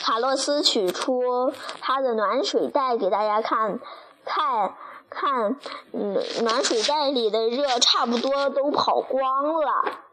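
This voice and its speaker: A woman reading a children's picture book aloud, haltingly, often stopping to restart and correct a word. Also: high-pitched, noisy background. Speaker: storybook reader.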